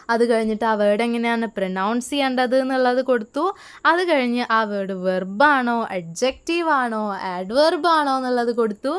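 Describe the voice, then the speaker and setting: A woman teaching an exam-prep lesson, reading English lines slowly and explaining them in Malayalam, often posing questions and answering them herself. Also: on the high side, clear, resonant tone.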